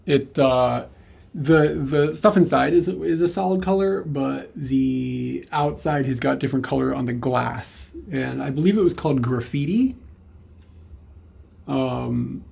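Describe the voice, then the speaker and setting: A man talking casually and haltingly, unscripted, as a streamer setting up and chatting with viewers. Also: medium pitch, vocal fry, darkish tone, husky. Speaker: livestream host.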